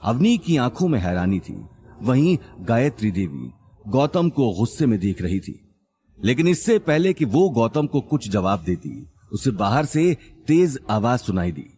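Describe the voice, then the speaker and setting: A man narrating a dramatic family story in an expressive audiobook style. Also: mid-range voice, measured pace.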